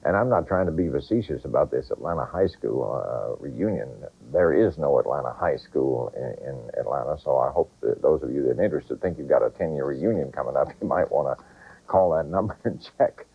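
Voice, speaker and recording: Weatherman, very deep and husky, chatty, tinny lo-fi tape. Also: a little fast. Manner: chatty, relaxed asides. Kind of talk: folksy weather forecast.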